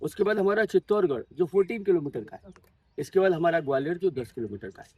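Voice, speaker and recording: Husky-voiced man guiding a history tour. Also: a little high, animated, fast, no room sound, highs cut off. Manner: patient storytelling, drops in English words and numbers. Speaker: tour guide. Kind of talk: guided history talk to a tour group. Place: outdoors at a historic monument site.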